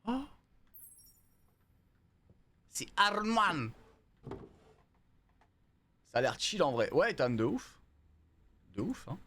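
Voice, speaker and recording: A man's voice: fairly high pitch, sing-song, normal speed, long pauses, a little hiss or hum. Jumpy man streaming horror. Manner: jumpy, swears, talks to chat. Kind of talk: live horror game commentary.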